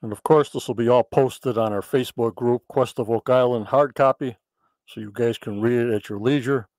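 A man's voice: mid-range voice, fairly even intonation, moderate pace, a little mellow, no room sound. Male host, chatty and enthusiastic, dry close sound. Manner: enthusiastic, repetitive praise and chatty asides. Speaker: podcast host. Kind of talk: casual live discussion.

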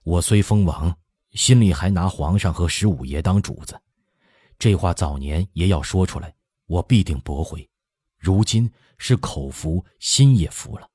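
A man's voice: sits low, animated, a little slow, mellow, husky, no echo, clean studio sound, full character voice. A man reading the part of a proud young noble general who earnestly confesses his faults, in a storybook reading. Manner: earnest, self-reproaching confession.

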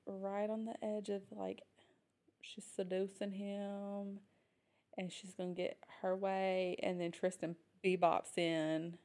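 A woman co-hosting a podcast, recapping episodes in casual chat with steady fillers. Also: mid-range voice. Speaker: podcast co-host.

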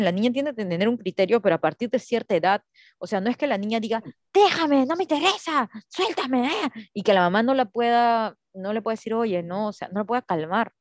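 A woman chatting casually, telling animated stories and acting out the voices of the people in them. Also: medium pitch, dry recording, studio quality. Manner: animated storytelling, acts out quotes, laughs often. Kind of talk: casual chat.

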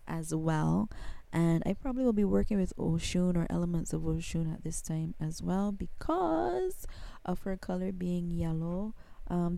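A woman's voice: on the low side, vocal fry, mellow, no echo. A woman from Barbados with a Barbadian accent, talking casually to her viewers about spiritual practice, chatty and full of ums. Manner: chatty, addresses viewers as guys, many ums. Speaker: spiritual vlogger.

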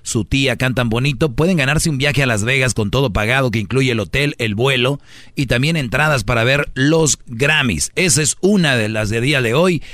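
A man's voice: medium pitch, moderate pace, a bit bright, no room sound, clean studio sound. A man co-hosting a comedy radio show, announcing segments and chatting with the others. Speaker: radio co-host.

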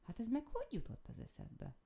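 A woman's voice: fairly low pitch, wildly swooping pitch, gravelly, warm tone, voice pushed up, full character voice. A woman voicing a kindly old storyteller. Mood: puzzled.

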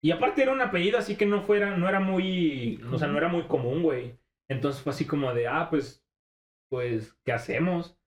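A man's voice: a little high, a little fast, reverberant. A young man with a Mexican Spanish accent telling a story in casual chat, full of slang, laughing often and acting out the voices of the people in it.

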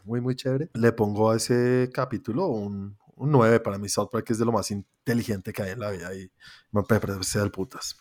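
Relaxed man hosting. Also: medium pitch. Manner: relaxed, conversational, leads the talk. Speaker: podcast host. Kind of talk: casual review chat.

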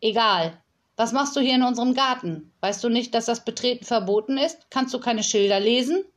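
A woman voicing a strict, bossy girl in a storybook reading, sharp and scolding. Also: mid-range voice, a little slow, natural voice.

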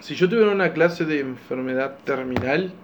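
A man's voice: medium pitch, moderate pace, background noise. A young man with a Rioplatense Spanish accent co-hosting a casual podcast, joking around, laughing often and playfully exaggerating. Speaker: podcast co-host. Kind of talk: casual chat.

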